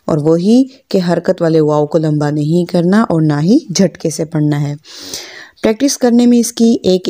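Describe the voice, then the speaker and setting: A woman's voice: fairly low pitch, warm tone, dry recording, clean studio sound. A woman Quran teacher giving a patient, step-by-step pronunciation lesson, stretching out each practice word with careful articulation.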